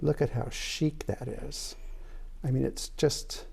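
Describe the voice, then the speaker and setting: A man hosts a relaxed chat, offering admiring comments as his guest shows the pieces. His voice is gravelly and warm, and his words come out enthusiastic. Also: mid-range voice, takes it slowly. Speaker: host.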